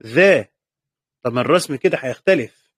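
Teaching a lesson on Quran commentary in classroom-lecture style, a man with an Egyptian Arabic accent speaks at normal speed in a medium-pitched, husky, fairly bright voice with lively intonation. He patiently asks and answers his own questions and repeats key points, and there's no echo.

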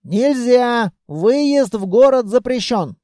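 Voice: medium pitch, expressive, slow, warm tone, dry recording, studio quality, pitched above the performer's own voice. A reader voicing a haughty male elf officer who barks curt orders in a put-on foreign accent, turning v into f, in an audiobook. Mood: dismissive. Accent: put-on foreign accent, v spoken as f. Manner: barked curt commands. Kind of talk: audiobook reading.

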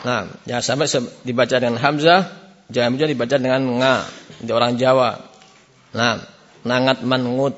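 A man teaching a beginners' Quran recitation class, sounding out letters, having students repeat and chanting verses slowly as examples. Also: medium pitch, steady tone, highs cut off, noisy background. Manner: chants verses slowly to show right and wrong. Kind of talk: classroom tajwid lesson. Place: Islamic boarding school class.

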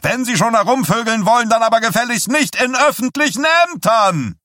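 A man voicing a roaring male populist candidate with the high, whipping singsong of a revival preacher, shouting to a crowd. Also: expressive, brisk, no echo, studio quality, exaggerated voice. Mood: bellowing rally. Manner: bellowing at a crowd. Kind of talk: audiobook character voice.

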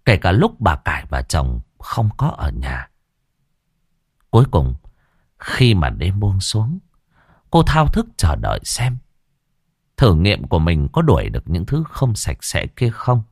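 A man tells a ghost story, his pitch climbing and falling widely. His delivery swings from hushed to lively. The recording is close and dry. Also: measured pace, long pauses, breathy edge, no echo. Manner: expressive, shifting between hushed and lively. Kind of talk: scripted narration of a ghost story.

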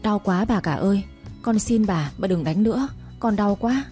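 A woman voicing a frightened young wife who pleads and weeps in a higher voice. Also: animated, moderate pace, dark tone, soft background music, close to an everyday voice. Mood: sobbing.

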